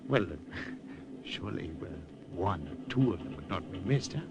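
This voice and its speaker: A man with a German accent plays a genial but probing German field marshal, performed in the style of 1940s radio and heard through a hissy old broadcast. He is courtly yet interrogating, with a low, gravelly, expressive voice at normal speed.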